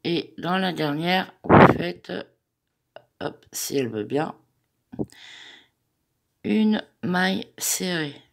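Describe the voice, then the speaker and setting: A woman walks viewers through a crochet pattern step by step, chatty and hesitant, counting each stitch aloud. She speaks slowly and unhurriedly, and her voice has a gravelly edge. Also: on the low side, lively intonation. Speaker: crochet tutorial host. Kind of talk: step-by-step craft tutorial.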